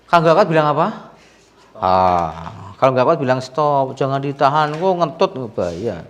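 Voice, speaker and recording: A man's voice: medium pitch, very animated, moderate pace, dull audio. A male sports massage therapist, explaining to viewers while treating a patient, chatty and full of sympathetic exclamations. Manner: chatty, alternates coaxing the patient and addressing viewers.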